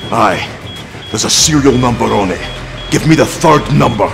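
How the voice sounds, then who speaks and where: An actor playing a dogged special forces sergeant, gruff and terse. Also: male voice, mid-range voice, lively intonation, normal speed, over music. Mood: gruff, determined. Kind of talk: military game dialogue. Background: game score.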